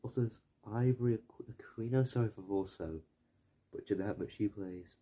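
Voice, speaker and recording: A man's voice: lowish voice, a little fast, dark tone. A young man, rambling through a casual video essay commentary, often correcting himself and swearing now and then. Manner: digressive, self-correcting, mildly profane. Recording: faint background noise.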